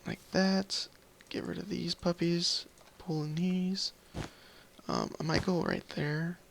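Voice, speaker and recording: This gaming video host takes it slowly, his high, slightly bright voice fairly even in intonation with vocal fry and a tired, scratchy quality. He gives rambling, apologetic, casual Minecraft let's play commentary, voicing his thoughts mid-play.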